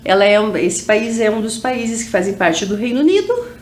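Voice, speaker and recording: A woman teaching English to schoolchildren on educational TV, with a Brazilian Portuguese accent, saying model phrases slowly for the class to repeat. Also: a little high, very animated, slight background noise. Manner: slow, drawn-out model phrases for repetition.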